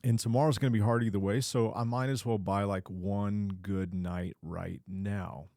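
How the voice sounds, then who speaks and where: A man's voice: fairly low pitch, fairly even intonation, moderate pace, dark tone, dry recording, clean studio sound. A man hosting a casual self-help talk, humorous and conversational, with frequent restarts. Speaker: host.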